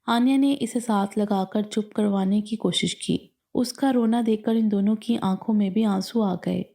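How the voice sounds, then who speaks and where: A woman reading a romantic novel aloud as an audiobook narrator, in a steady storytelling manner. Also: mid-range voice, moderate pace, creaky.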